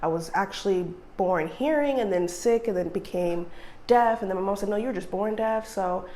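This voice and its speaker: A woman sign language interpreter speaking in the first person, measured and earnest, with steady pauses. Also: mid-range voice.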